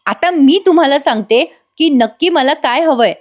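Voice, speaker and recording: A woman's voice: high voice, animated, moderate pace. A woman voicing a scheming young woman who bribes a lawyer, in a coaxing, conspiratorial manner.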